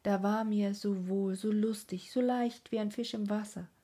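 A woman whispering the part of a gentle, deluded young man as a whispered role-play, in a wistful, dreamy way. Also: medium pitch, steady tone, normal speed, breathy edge, natural voice.

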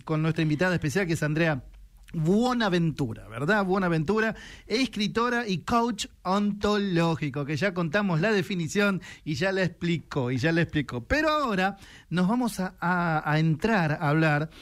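A man's voice: sits high, lively intonation, moderate pace. A man with a Rioplatense Spanish accent hosting a radio interview, chatting with his guest. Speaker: radio host.

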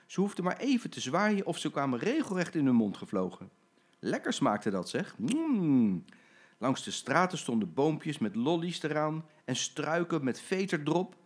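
An older man, a grandfather, reading a children's story aloud in an expressive storytelling manner. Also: mid-range voice.

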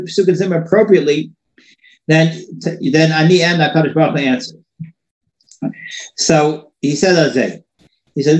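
A man's voice: a little high, darkish tone. A man giving an informal religious lesson, talking loosely and often repeating and restarting his words, heard in an echoey room. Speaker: religious teacher.

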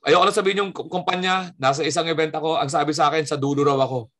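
A high, bright-voiced man from the Philippines is telling a story in casual chat. He is a stand-up comedian, and he acts out each quote in his tale with a lot of energy. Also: fast talker. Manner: animated storyteller acting out quotes.

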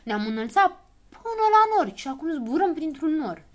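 A woman voicing a calm, know-it-all little male gnome in a storybook reading who patiently explains things. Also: sits high, dull audio, voice pushed up. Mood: explaining.

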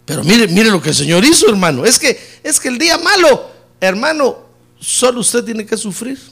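High, lively-voiced preaching pastor. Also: male voice, moderate pace, creaky, breathy edge. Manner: preaching with humor, rising loud on key points and dropping low and soft on "hermano". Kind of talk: sermon.

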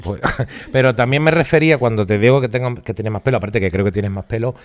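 A man's voice: medium pitch, fast talker. A man in his thirties co-hosting a podcast, chatting playfully and laughing, acting out silly voices in his stories. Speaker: podcast co-host. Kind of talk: casual chat.

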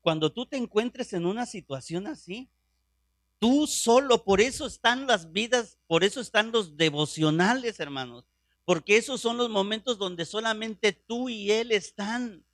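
A middle-aged man preaching a sermon, impassioned and fervent, dropping to hushed prayer tones and rising again. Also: high voice, unhurried, dry recording, studio quality. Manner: drops to hushed prayer voice when quoting.

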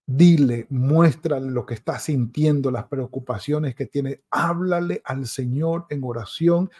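A man's voice: medium pitch, measured pace, a little mellow, slightly rough. A man giving a devotional sermon as pastor, urging listeners to pray in a pleading, repetitive way.

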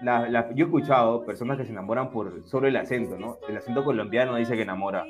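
A man's voice: mid-range voice, fast. A man co-hosting a casual podcast, joking and rambling as he reads live comments. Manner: joking, rambling, mocks a Spain accent. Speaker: podcast co-host.

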